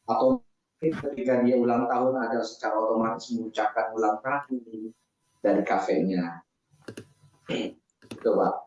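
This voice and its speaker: A man, a civil police officer, politely putting questions in an online meeting, his voice cutting in and out over the connection and halting with fillers. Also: mid-range voice, animated, a little mellow. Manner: polite, keeps addressing the listener as sir, halting with fillers. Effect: online call audio breaking up and cutting out. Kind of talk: questions in a video call meeting. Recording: muffled, echoey, distant call audio.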